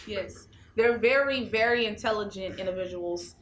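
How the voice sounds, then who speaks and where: Bright-voiced young woman. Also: mid-range voice, moderate pace, slight background noise. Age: 20s. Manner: emphatic and preachy, repeats phrases. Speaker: interview guest, anger management specialist. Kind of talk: casual interview talk. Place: small indoor studio set.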